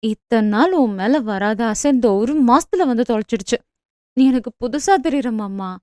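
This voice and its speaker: A woman's voice: fairly high pitch, lively intonation, moderate pace, no room sound, clean studio sound, natural voice. Woman voicing a shy lovestruck village girl. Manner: soft, shy, whining sweetly.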